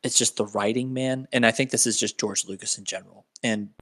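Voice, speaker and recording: A man's voice: lowish voice, steady tone, brisk, a bit bright, dry recording. A young man co-hosting a casual podcast chat, rambling with lots of fillers and restarts. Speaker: podcast co-host.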